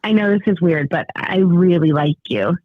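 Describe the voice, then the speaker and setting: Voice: medium pitch, normal speed, no room sound. A prerecorded prank-call voice, run through a voice changer so it sounds morphed, playing a coy, giggly female next-door neighbor who flirts with the listener. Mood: flirty. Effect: voice changer making the voice sound morphed. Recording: tinny phone line with a processed voice.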